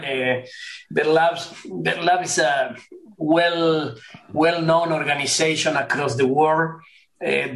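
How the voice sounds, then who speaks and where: A man's voice: a little high, fairly bright tone, echoey room, poor audio. A middle-aged man from Argentina. He answers webinar interview questions courteously, often repeating words as he searches for them. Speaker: guest professor.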